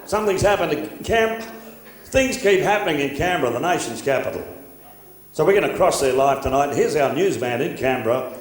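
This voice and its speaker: An Australian man doing a chatty, quick stand-up comedy routine at a live venue. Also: fairly high pitch, expressive, a little hiss or hum. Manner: chatty, quick, joke-telling. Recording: echoey hall with faint ambience.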